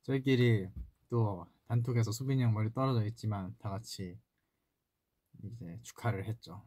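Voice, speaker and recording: On a solo livestream, a young idol singer in his twenties sits at a desk in a small indoor room, playfully chatting and reading fan comments aloud. His voice is fairly low and dark, his pace moderate, and the recording is dry.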